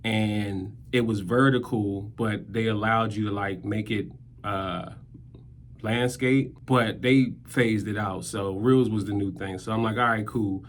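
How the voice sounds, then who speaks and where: A man's voice: on the low side, fairly even intonation, takes it slowly, slight background noise. Laid-back man telling a story. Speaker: skit creator and rapper. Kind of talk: casual talking-head storytelling.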